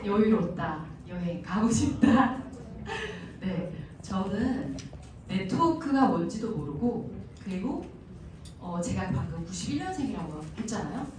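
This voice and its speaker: Woman, thirties, chatty seminar speaker quizzing the crowd; animated delivery, faint room noise behind. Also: medium pitch, unhurried. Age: 30s. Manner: chatty, poses questions to the audience. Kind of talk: motivational seminar talk. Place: large hall. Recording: echoey hall from far off.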